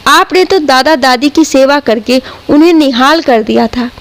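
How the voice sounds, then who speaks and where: A woman's voice: high-pitched, low-quality recording. A woman voicing a mocking young son in a spoken story, sarcastic in tone.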